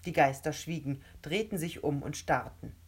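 A woman narrating a children's storybook in a calm, steady reading voice. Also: low-pitched, normal speed, breathy edge.

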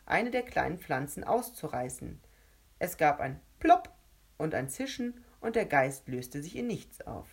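A woman narrating a children's storybook in a calm, steady reading voice. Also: lowish voice, slightly rough.

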